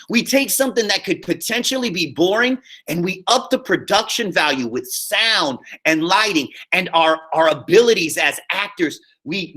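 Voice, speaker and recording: With a high, sharp-toned voice, a man who teaches high school drama instructs his class over screen share. He keeps it informal and encouraging, going step by step and frequently making sure the class is keeping up.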